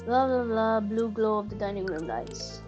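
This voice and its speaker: A woman streamer chatting casually while playing, with quick, giggly, playful asides, over game music. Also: mid-range voice, expressive, dull audio. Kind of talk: casual live-stream gameplay chat.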